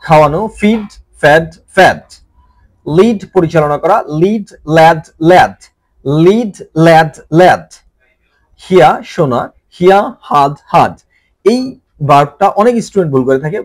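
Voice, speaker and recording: A man with a Bengali accent teaching English verbs, repeating each word form several times in a steady drill. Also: on the high side. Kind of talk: drilling vocabulary lesson.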